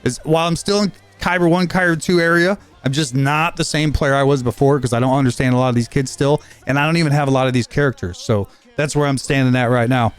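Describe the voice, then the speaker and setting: Speaking quickly in a clean, mid-range voice, a fifty-something man rambles through a casual gaming channel update. He often restarts his sentences and leans on fillers.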